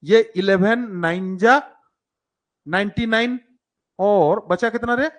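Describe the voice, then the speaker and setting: Speaking slowly in a high voice, a man who coaches students for school entrance exams leads a live online math lesson for children. He teases and coaxes his pupils and sprinkles English terms through his talk.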